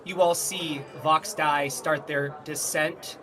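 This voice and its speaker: A game master narrating a tabletop game, describing scenes in an unhurried way over faint music. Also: medium pitch, fairly even intonation, sharp tone.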